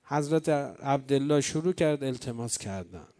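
A man preacher telling a story in a mourning sermon, moving between hushed speech and loud, slow chanted lament. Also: mid-range voice, animated.

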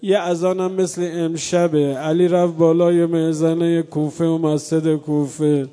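Guy doing a mourning sermon, soft storytelling then loud chanted wailing, kinda high voice but pretty flat, dark mellow tone. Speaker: mourning preacher. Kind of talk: Shia mourning sermon narration with chanted lament. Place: indoor religious gathering. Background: live congregation.

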